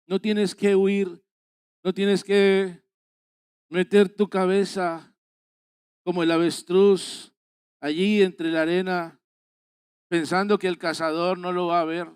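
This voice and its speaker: During a church service, a male pastor preaches with earnest exhortation, driving his points home by repeating phrases. His high voice is clean, clear and resonant, and the recording is dry and close with little room echo.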